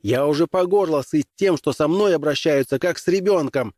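A man's voice: fairly high pitch, moderate pace, darkish tone, dry recording, studio quality, voice pushed up, close to an everyday voice. A male audiobook reader voicing an indignant young starship lieutenant who argues and barks orders heatedly. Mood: defiant. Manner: heated, defiant, barking.

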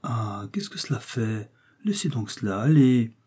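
A man's voice: mid-range voice, expressive, moderate pace, dark tone, husky, voice pushed up. A man doing a fussy, fretful rich lady. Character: flustered rich older woman, fussy châtelaine.

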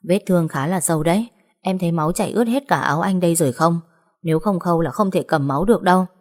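A woman's voice: fairly low pitch, fast talker, lightly acted. A woman voicing a caring, protective young man who speaks urgently and firmly. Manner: urgent, firm and reassuring.

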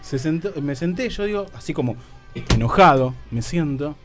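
Argentine guy rambling thru a funny story on the radio, kinda high voice, stammers a lot, faint music behind. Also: expressive, moderate pace. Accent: Argentine Rioplatense. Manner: rambling, self-interrupting, nervous stammer. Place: radio studio.

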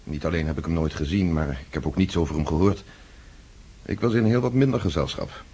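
An earnest, reflective Pierre, fresh from captivity. His voice sits very low and carries a husky grain. He speaks with an emotional weight. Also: a little fast, mellow. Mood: wry. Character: Pierre, earnest man back from war captivity. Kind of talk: radio drama acting.

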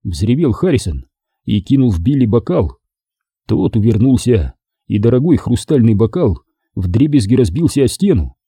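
A man narrating a crime novel as an audiobook in an expressive, dramatic reading. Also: mid-range voice, normal speed, slightly rough, no room sound, studio quality.

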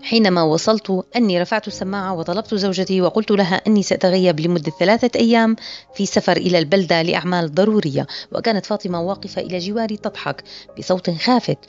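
A woman narrating a literary audiobook in a steady, scripted reading style. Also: lowish voice, fast. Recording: muffled lo-fi audio with faint music.

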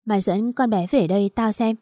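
A cold, domineering older mother from a spoken story, curt and stern, barking short orders, read by a woman narrator. Her voice is mellow and low in brightness, heard close and dry. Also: fairly quick, no room sound, close to an everyday voice. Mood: scolding.

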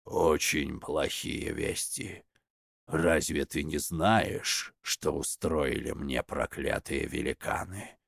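A man reading a fairy tale aloud and voicing a gruff, mighty male sky god and blacksmith in a low, grumbling mutter. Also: a little slow, hardly any pauses, no echo, studio quality, close to an everyday voice.

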